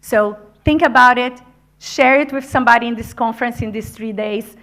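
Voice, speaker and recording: This woman's voice is a little high, and she talks at an ordinary pace. Not a native English speaker, she encourages a conference audience in an energetic motivational talk at the venue, speaking to them directly.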